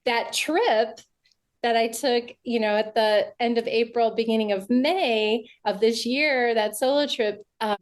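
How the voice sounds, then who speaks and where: Older lady guest on a video call, kinda high voice, earnest and reflective, lots of restarts. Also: fairly even intonation, measured pace. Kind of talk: casual podcast interview.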